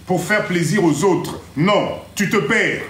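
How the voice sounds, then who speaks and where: Animated man hosting a live stream. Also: high voice, slow pace, reverberant. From Congo-Kinshasa. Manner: animated, mixes French with Lingala, mimics others in skits. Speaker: live stream host giving motivational advice. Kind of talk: motivational live stream talk.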